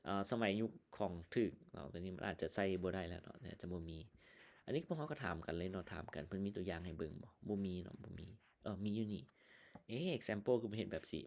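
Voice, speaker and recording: A male English teacher with a Lao accent, slowly explaining vocabulary and sample answers in a casual online lesson, with plenty of fillers. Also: sits low, a little mellow. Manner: slow, explaining words one by one with many fillers.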